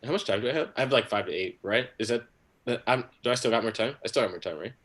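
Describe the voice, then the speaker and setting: A man's voice: mid-range voice, very fast, fairly bright tone. A man from Jamaica doing a stand-up set from his home for a livestream, rambling with lots of "like" and "um" and crude jokes. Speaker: stand-up comedian.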